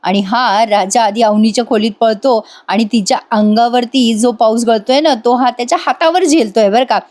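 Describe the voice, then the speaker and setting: A chatty woman narrating a soap episode as a casual voice-over, talking straight to her viewers. Her voice sits a bit high. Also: moderate pace, a little mellow. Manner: chatty, giggly, addresses viewers. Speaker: serial episode reviewer. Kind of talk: casual voice-over story retelling.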